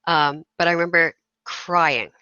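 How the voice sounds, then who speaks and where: A woman in her thirties, a game designer, telling her stories in an emotional, animated way with laughs. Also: deep voice, a little slow, clear, resonant tone, no echo, muffled recording. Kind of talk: conversational interview.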